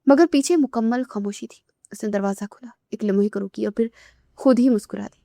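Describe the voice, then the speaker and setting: A woman narrating a romance novel aloud in a soft, emotive way, sometimes dropping to a whisper. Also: on the high side, creaky, dry recording, studio quality.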